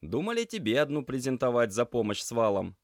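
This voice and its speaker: A brash, teasing young tomcat student, put on by a male narrator. The voice jumps high and swings widely, loud and playful. It sits dry and close to the mic. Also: big pitch swings, a little fast, no echo. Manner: teasing, boisterous. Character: cheeky young male cat student, joker.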